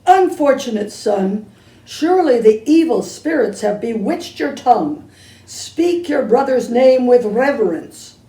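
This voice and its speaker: A woman's voice: fairly high pitch, animated, measured pace, mellow. A woman reading a stern, formal mother. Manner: formal and scolding. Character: stern, proud mother of two sons. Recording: echoey room, from a distance.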